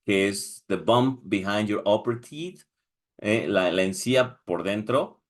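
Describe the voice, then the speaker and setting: A man with a Mexican Spanish accent explains exam questions step by step. He asks the viewers questions and checks in with a frequent "ok?". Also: low voice. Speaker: English teacher preparing exam candidates. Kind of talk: screen-recorded lesson, switching between Spanish and English.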